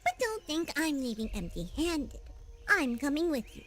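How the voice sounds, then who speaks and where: A woman's voice: sits high, very animated, normal speed, a bit bright, faint music behind. A woman voicing a small, scatterbrained flying guardian creature in a video game, chatty, bold and cutesy. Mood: insistent, flustered.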